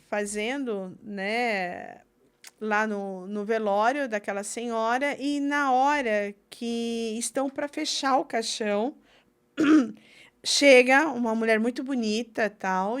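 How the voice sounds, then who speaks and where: Woman host, kinda high voice, tells a story and does all the voices. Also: slow pace, smooth. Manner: animated storyteller acting out quoted speech. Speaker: podcast host. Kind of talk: casual chat, storytelling.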